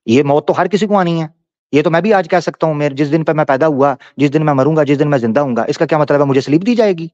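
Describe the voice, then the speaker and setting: A man's voice: a little high, darkish tone, no echo, lo-fi sound. A man hosting a heated debate, insistent and interrupting, repeating his points and reciting Arabic verses.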